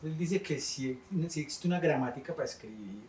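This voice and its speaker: Rambling teacher interviewing, roomy. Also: male voice, mid-range voice, animated, brisk, darkish tone, distant mic, slight background noise. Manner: thoughtful, rambling with restarts. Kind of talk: conversational interview questions. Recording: roomy, off-mic sound.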